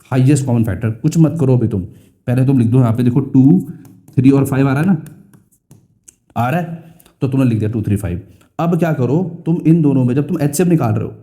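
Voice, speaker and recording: With an Indian English accent and a mellow voice of medium pitch, a young man teaches math to school students. He restates key phrases and puts questions to himself before answering them.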